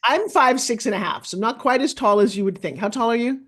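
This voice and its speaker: A woman's voice: a little high, a little fast, a bit bright, slightly rough. A middle-aged woman hosting a stage interview, upbeat as she introduces her guest and asks questions. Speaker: host.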